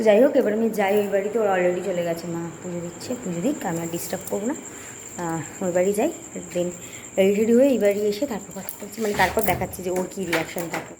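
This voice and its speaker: A young woman talks through her day in a loose, rambling vlog chat. She is recorded indoors at home in a room with a clear echo. Steady household noise runs behind her voice. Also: mid-range voice. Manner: chatty, rambling running commentary. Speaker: lifestyle vlogger. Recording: echoey room with background noise.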